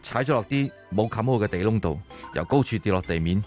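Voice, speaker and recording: A young man acting a calm safety expert in a radio drama, giving steady, instructive explanations. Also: lowish voice, fast, faint music behind, close to an everyday voice. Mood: warning. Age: young adult.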